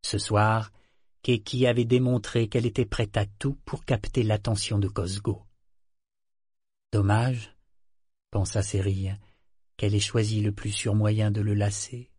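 Measured male audiobook narrator, dry. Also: lowish voice, flat delivery, a little mellow, breathy edge, no room sound. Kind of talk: scripted narration.

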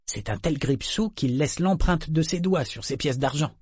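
A man's voice: lively intonation, normal speed, darkish tone, husky, no room sound, clean studio sound. A man doing a wry young sailor muttering. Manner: low confiding aside. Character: loyal young male sailor, muttering asides.

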